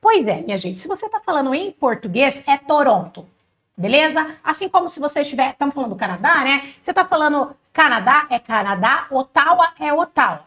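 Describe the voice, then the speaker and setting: A woman from Brazil teaching an English lesson, energetic, talking straight to viewers and drilling phrases for them to repeat. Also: sits high, quick pace, few pauses. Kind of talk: casual online language lesson.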